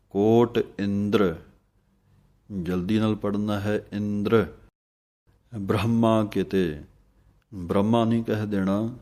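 Guy teaching how to recite verses, chants them slow then quick pronunciation tips, pretty flat low voice. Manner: chants verses slowly, then explains pronunciation in brisk asides.

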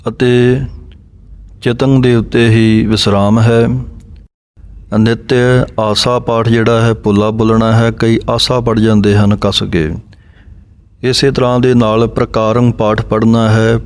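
A man teaching how to recite scripture verses, chanting each line slowly and then spelling out letters and pauses. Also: on the low side, a little mellow, clear, resonant tone. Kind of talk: recitation lesson on Sikh scripture pronunciation.

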